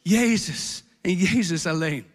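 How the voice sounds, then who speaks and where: A man preaches from the front of a church, talking animatedly about a song he wrote and breaking into its lines. His voice sits fairly high, and the hall's long reverb hangs behind every phrase. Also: slow pace. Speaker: pastor and songwriter. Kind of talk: sermon explaining a worship song. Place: church hall.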